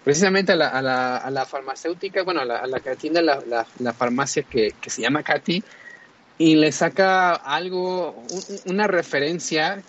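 A man's voice: a little high, normal speed, fairly bright tone, lo-fi sound, a little hiss or hum. A man reviewing a film in casual chat, rambling with many fillers and restarts.

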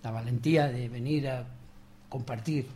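A man's voice: medium pitch, steady tone, moderate pace, dark tone, a little hiss or hum. A man hosting a radio interview, asking leading, chatty questions and finishing his guest's sentences. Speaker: radio host.

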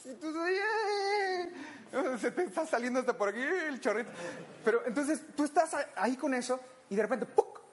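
A woman with a Mexican accent preaches in a playful, conversational way, acting out everyday scenes to make her point. Her voice sits a little high and moves through a wide, animated range. A faint noise hangs behind her. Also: fast talker. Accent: Mexican Spanish. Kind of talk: conversational sermon.

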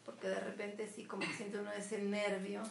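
A woman's voice: medium pitch, monotone, moderate pace, gravelly. A woman in a group discussion, speaking hesitantly and searching for her words. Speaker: group member. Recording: noisy echoey room, far from the mic.

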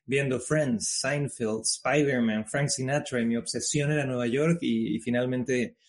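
A man's voice: mid-range voice, measured pace. Mexican man, 30s, guest; easygoing, blunt, casual swearing. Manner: relaxed, frank, swears casually. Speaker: guest entrepreneur. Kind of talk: casual interview.

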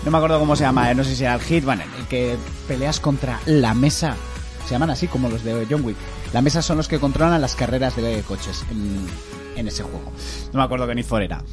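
A man chatting casually with friends, telling lively stories and swearing freely. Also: medium pitch, brisk, over music. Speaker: podcast co-host. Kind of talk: casual chat among friends about video games.

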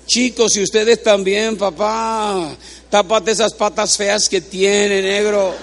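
A man's voice: high voice, steady tone, slow pace. A man preaching a humorous sermon in a church, joking with the congregation and having them repeat words after him.

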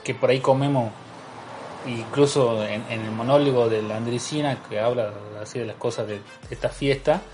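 A man in a casual chat, talking with many pauses and restarts. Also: medium pitch, steady tone, a little mellow, soft background music. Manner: hesitant, many restarts and fillers.

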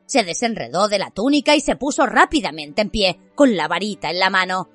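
A woman narrating a fantasy novel as an audiobook, with expressive storytelling. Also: mid-range voice, a little fast, no room sound, soft background music. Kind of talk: scripted fiction narration.

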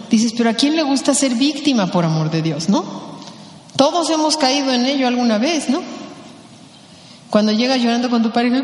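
Mexican woman motivational speaker, lively and playful, recorded in a big reverberant hall. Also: fairly high pitch. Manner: animated, acts out voices in quotes. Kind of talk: motivational talk to an audience. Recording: echoey hall with long reverb.

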